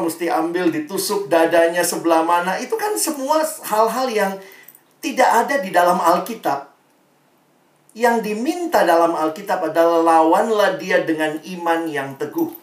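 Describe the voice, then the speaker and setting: A woman preacher giving a sermon, speaking emphatically and throwing rhetorical questions to the congregation. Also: on the low side. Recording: roomy echo, distant mic.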